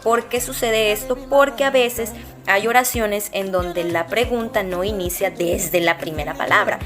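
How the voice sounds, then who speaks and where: A woman's voice: medium pitch, a little slow. A young adult woman with a Mexican accent, a teacher patiently explaining a lesson step by step to her pupils. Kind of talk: classroom lesson. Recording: music playing behind her.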